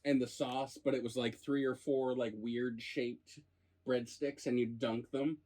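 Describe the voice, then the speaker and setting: A man's voice: mid-range voice, little pitch movement, a little slow, a little mellow. A man hosting a food review in casual chat, probing with playfully incredulous questions. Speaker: food review show host.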